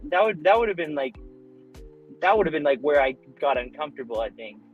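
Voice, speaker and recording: A man's voice: fairly high pitch, sing-song, a little fast, narrow, tinny audio, faint music behind. A man chatting casually with a friend on a stream, joking in a profane way and laughing often. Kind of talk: casual chat.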